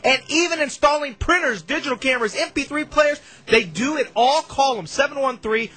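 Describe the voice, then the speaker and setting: A man's voice: extremely high pitch, normal speed, bright, forceful tone. A man reading a radio commercial in a wisecracking, salesy way. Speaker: radio co-host reading ads. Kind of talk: live-read radio commercial.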